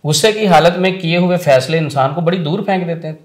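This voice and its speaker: A man's voice: a little high, quick pace, roomy sound. A man speaking as a spiritual healer on a religious talk show, explaining earnestly in numbered points and quoting sayings.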